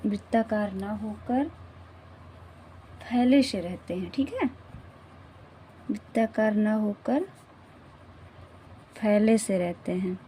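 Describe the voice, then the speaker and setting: Woman, grammar teacher, slow and repetitive, warm mellow tone, faint room hum. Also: mid-range voice. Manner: slow, repetitive, often checking with the class. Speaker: Hindi teacher. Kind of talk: classroom grammar lesson.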